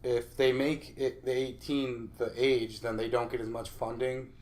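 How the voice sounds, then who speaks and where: A man casually chatting as podcast co-host, chuckling often and teasing with quick interjections. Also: medium pitch, little pitch movement, a little mellow.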